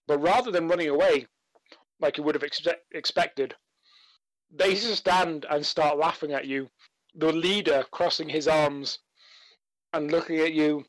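Game master, casual descriptive narration, dry close mic, mid pitch. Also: no echo, poor audio. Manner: descriptive, loose, with fillers.

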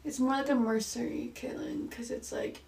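A woman's voice: on the high side, fairly even intonation, a little fast, creaky, a little mellow, poor audio. A woman on a podcast, explaining things matter-of-factly in casual chat.

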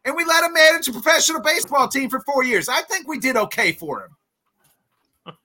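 A man's voice: extremely high pitch, animated, normal speed, bright, forceful tone. A man hosting a casual sports talk show with profane, combative banter.

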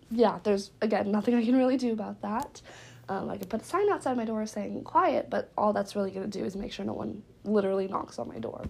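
A woman's voice: mid-range voice, gravelly, a little mellow, a little hiss or hum. A young woman hosting a casual solo podcast from her dorm room, sounding stuffy and congested, chatty with lots of filler words. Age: young adult. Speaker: podcast host.

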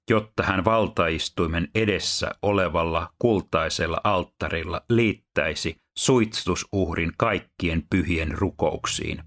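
Deep-voiced man reading scripture. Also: fairly bright tone. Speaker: Bible reader and teacher.

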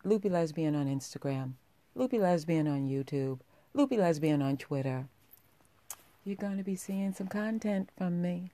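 Deep, sultry woman podcaster, dark and mellow. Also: expressive, normal speed, dry recording. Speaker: podcast host. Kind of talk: intimate podcast monologue addressed to listeners.

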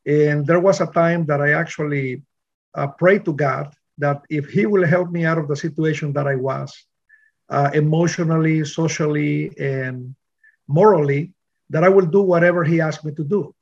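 A middle-aged man from Honduras, a pastor telling his testimony in an interview, earnest and full of pauses and restarts. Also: fairly high pitch, steady tone, vocal fry, muffled recording. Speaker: pastor, guest.

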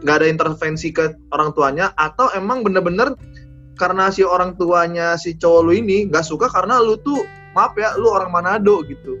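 A man from Padang hosts a casual chat, asking questions quickly and teasing his guest with jokes. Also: sits high, pushed and bright, lo-fi sound, faint music behind. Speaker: podcast host.

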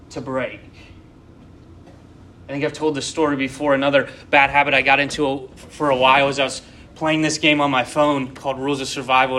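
A young man in his twenties preaching in a loose, rambling, conversational way, turning to his listeners directly. His voice sits a little high for a man, with a faint hum in the background. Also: fairly bright tone. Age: 20s. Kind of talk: casual sermon.

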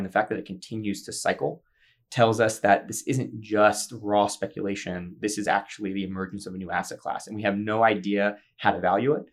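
Low-voiced man explaining eagerly. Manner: enthusiastic explaining with frequent fillers. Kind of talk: casual podcast chat.

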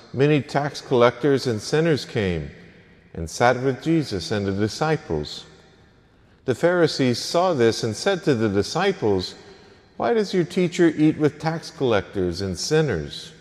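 A man's voice: medium pitch, big pitch swings, measured pace, darkish tone. Man, priest, earnest plain-spoken homily, cathedral echo, long church reverb. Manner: earnest, plain-spoken preaching with easy repeats. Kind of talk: gospel reading and homily at Mass. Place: church during an early morning Mass.

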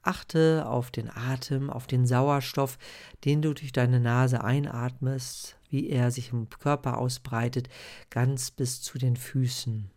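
A man with a mid-range voice leads a guided meditation like a sleep-story narrator. He takes his time, speaking slowly and calmly. His instructions are personal and gentle in manner, addressed to one listener. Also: mid-range voice. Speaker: podcast host guiding meditation.

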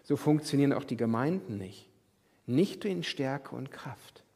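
Brief: a pastor voicing a gentle male teacher, husky, in a reverberant church hall. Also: mid-range voice, expressive, unhurried, exaggerated voice. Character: calm, gentle male teacher refusing violence.

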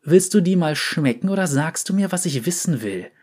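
A man's voice: fairly high pitch, lively intonation, moderate pace, a little mellow, voice pushed up. A man voicing a brash, violent female enforcer who taunts and threatens in a mocking, cocky way. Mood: taunting. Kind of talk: dramatic story reading.

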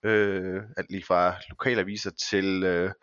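Bright, low-pitched man in relaxed conversation. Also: clean tone, no echo, highs cut off. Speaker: podcast guest, film and series reviewer. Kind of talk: casual conversational interview.

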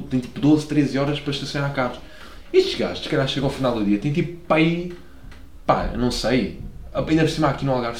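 Sitting by a window in an echoey room at home, a medium-pitched young man from Lisbon talks alone on his own podcast in a Lisbon Portuguese accent. His rambling monologue is slangy and self-deprecating, with plenty of swearing.

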